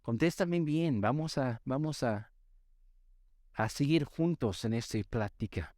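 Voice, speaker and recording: A man's voice: mid-range voice, expressive, takes it slowly, a little mellow, dry recording, studio quality. A male pastor preaching a sermon to a live congregation, emphatic and repeatedly asking the audience to respond. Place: church service with live congregation.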